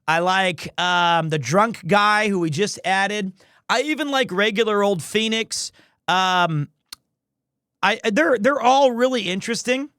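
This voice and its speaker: Guy streamer with a highish voice, dry close sound, rambling playful chat with viewers. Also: unhurried, a bit bright, clear, resonant tone, no room sound. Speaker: livestream host, amateur voice actor.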